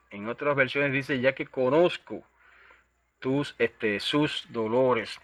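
A man's voice: medium pitch, sharp tone, dry recording. A man preaching a Bible lesson, explaining Hebrew words and checking in with his listeners, with many restarts. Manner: hesitant, many restarts and fillers. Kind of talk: Bible teaching sermon.

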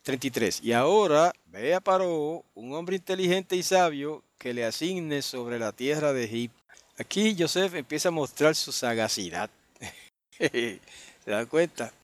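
A man's voice: on the high side, animated, unhurried, no echo. A man leading an online Bible study, reading verses aloud and then commenting on them, often checking with his listeners and thinking aloud with restarts. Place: online group meeting.

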